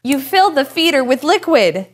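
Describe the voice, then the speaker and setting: A young woman playing a curious, cheerful student, reading aloud clearly and expressively in a scripted educational show. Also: high-pitched, very animated, normal speed. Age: young adult.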